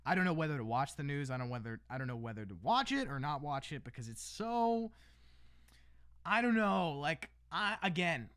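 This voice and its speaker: A man's voice: a little high, sing-song, moderate pace, fairly bright tone, clear, resonant tone, no echo, studio quality. A man talking casually on his livestream, rambling with lots of restarts, tossing in "bro" and "man" and laughing between lines. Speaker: livestream host.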